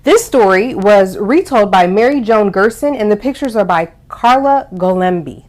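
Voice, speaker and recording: On a children's storytime show, the woman hosting speaks with a very lively pitch that swoops up and down. She explains and reads aloud expressively at a moderate pace, emphasizing key words and drawing them out for the little ones.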